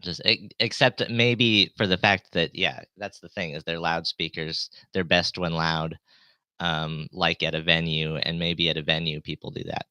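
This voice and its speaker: A man giving a rambling, hesitant live tutorial, often trailing off and interrupting himself, with a light low-pass filter on his voice. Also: flat delivery, unhurried, sharp tone, smooth, no echo. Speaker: live streamer and synth tutor.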